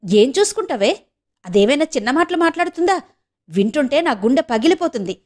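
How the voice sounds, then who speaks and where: A woman's voice: high-pitched, big pitch swings, brisk, a little mellow, pitched above the performer's own voice. Brief: fussy elderly grandmother, anxious complaining tone, read by a woman. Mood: fretful. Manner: fretful, complaining. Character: fussy worried old grandmother.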